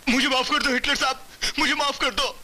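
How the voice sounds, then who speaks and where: A man's voice: medium pitch, animated, slow, pushed and bright, a little hiss or hum, exaggerated voice, rough recording. A man voicing a frightened, crooked manager who stammers and begs for mercy. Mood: fearful. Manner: timid, pleading. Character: frightened cheating manager, begging. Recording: music behind.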